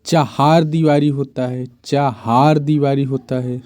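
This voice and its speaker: A man's voice: mid-range voice, steady tone, slow pace, darkish tone, no echo, clean studio sound. A man teaching Hindi grammar for exam preparation, reciting correct spellings in short, repeated phrases. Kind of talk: exam-prep spelling drill.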